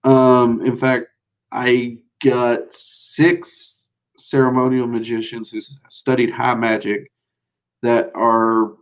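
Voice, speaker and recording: On a livestream with poor audio, a medium-pitched Southern man who teaches magic rambles in a folksy way. He answers viewers in casual chat, leaning heavily on filler words.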